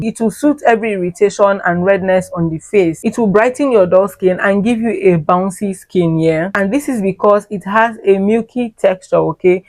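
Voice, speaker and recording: A woman's voice: on the low side, a little mellow, dry recording. A woman reviewing skincare products in a chatty vlog style. She often tags her sentences with "okay" and "right?". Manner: addresses viewers fondly as "my loves". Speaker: beauty vlogger.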